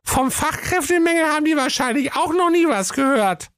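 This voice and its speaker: A man's voice: very high-pitched, animated, moderate pace, a bit bright, no echo, studio quality, pitched above the performer's own voice. A man voicing a drunken, cheeky woman programmer who slurs and trips over her words. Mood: indignant. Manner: slurred, tipsy, stumbles over words. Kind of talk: comic radio fairy-tale acting.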